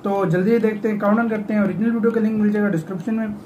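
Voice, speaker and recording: A man's voice: high voice, fairly even intonation, racing, a little mellow, dull audio, a little hiss or hum. A man from Pakistan co-hosting a casual reaction video, exclaiming often as he watches.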